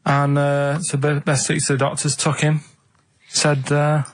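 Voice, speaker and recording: Deadpan man in his thirties chatting on radio. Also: on the high side, unhurried. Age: 30s. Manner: plain, deadpan, defensive when teased. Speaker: radio show regular. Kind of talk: casual radio chat.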